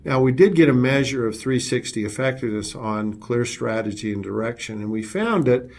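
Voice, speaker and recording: A man's voice: medium pitch, expressive, a little fast, darkish tone. A man presenting a business webinar as a leadership consultant, telling anecdotes and often repeating words as he restarts.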